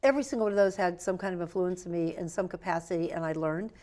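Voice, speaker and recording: A woman guest in an interview, chatting in a playful, animated storytelling way. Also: lowish voice, fast talker. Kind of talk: lively interview chat.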